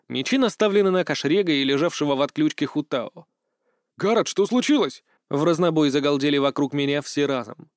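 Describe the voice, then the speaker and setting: A man's voice: fairly high pitch, no echo, studio quality. Man narrating an audiobook. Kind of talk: first-person audiobook narration.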